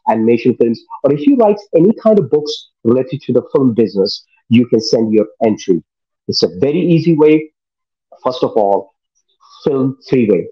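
A middle-aged man hosts a talk show over a video call from his living room, sounding enthusiastic and speaking in loose, informal phrases. His mid-range voice has a breathy edge, and the webcam recording comes across muffled.

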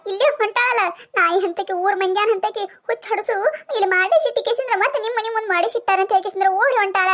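A woman doing a shrill, furious North Karnataka village woman. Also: very fast. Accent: North Karnataka Kannada. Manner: shouting insults, scolding. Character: furious loud village woman, quick to accuse. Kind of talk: cartoon comedy voice acting.

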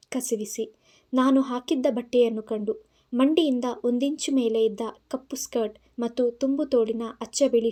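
A woman's voice: on the high side, warm tone. A woman narrating an audio story in Kannada-accented speech, voicing the characters' lines herself.

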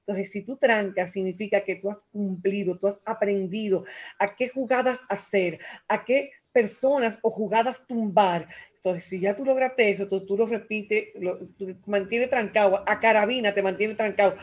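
A woman, talking as a guest expert on communication in an animated, expressive way and acting out quotes. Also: mid-range voice, moderate pace, breathy edge. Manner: animated, acts out voices and quotes. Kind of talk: radio talk show conversation.

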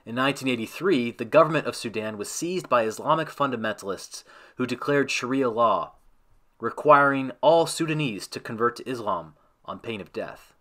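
A man giving a scripted devotional narration that ends in a prayer, reading in a measured, reverent way. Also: mid-range voice, animated, pushed and bright.

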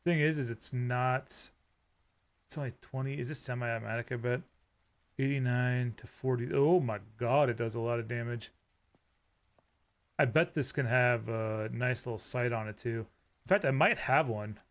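A man's voice: mid-range voice, normal speed. A man giving casual, rambling commentary while playing a game, often breaking into startled outbursts. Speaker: gaming YouTuber.

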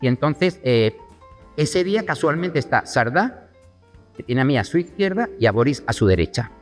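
A man telling a lively anecdote as a talk show guest, acting out the voices of the people in his story. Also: medium pitch, normal speed, big-room sound, soft background music.

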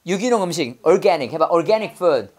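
A woman's voice: on the low side, lively intonation, measured pace, a little mellow. A woman teaching English vocabulary in class, drilling students with call-and-repeat prompts and playful memory tricks.

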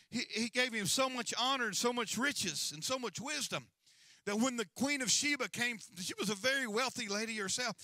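A man's voice: very high voice, bright, forceful tone, dry recording. A middle-aged man preaching a sermon as senior pastor on a large church stage, with a handheld mic and a repetitive, rising and falling cadence.

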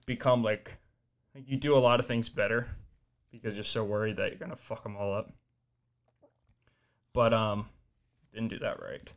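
This solo podcast host, a man of twenty-two in his small home studio, talks in a loose, rambling, self-reflective way and swears freely. He has a smooth, medium-pitched voice that's a bit bright, picked up by a desk mic on a boom arm while he wears headphones.

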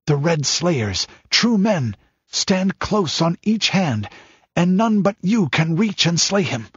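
Urgent barbarian warrior, raised and husky, man doing the voice; storybook reading. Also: high voice, big pitch swings, slow, no echo, highs cut off, voice pushed up, exaggerated voice. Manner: urgent, forceful pleading.

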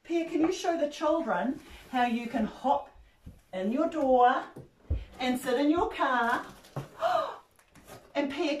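An older New Zealand woman with a New Zealand accent and a high voice leads a library rhymetime session of rhymes and songs for children. Cheerful and animated, she sings and gasps to engage toddlers. A far-off camera in a small carpeted indoor room gives the sound a roomy quality.

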